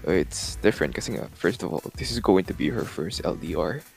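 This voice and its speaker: A twenty-year-old man from California, calling in to chat casually, speaking softly and mixing English and Filipino. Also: deep voice, expressive, normal speed, creaky, faint music behind. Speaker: caller.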